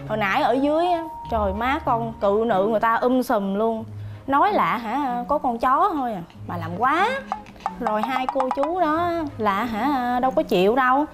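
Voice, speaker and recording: An actress playing a polite, level-headed young daughter with a Southern Vietnamese accent, explaining things earnestly. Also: female voice, a little high, animated, moderate pace, close to an everyday voice. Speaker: daughter in a traffic-safety skit. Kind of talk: televised comedy sketch acting. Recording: music bed under the dialogue.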